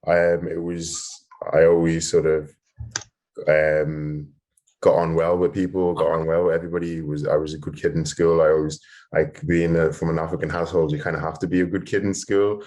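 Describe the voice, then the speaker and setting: Very deep-voiced young man. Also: level tone, normal speed, darkish tone. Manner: hesitant, lots of "like" and restarts. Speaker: panelist. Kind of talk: casual conversation.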